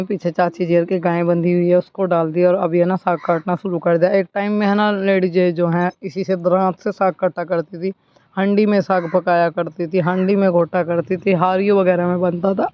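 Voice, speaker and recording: Woman, 30s, village vlogger, rambling casual chores commentary, smooth clear tone. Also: lowish voice, little pitch movement, moderate pace. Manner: chatty, rambling, talks to viewers while working. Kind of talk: casual running commentary while doing chores. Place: outdoors at a village home, by a water tap. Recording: slightly dull recording.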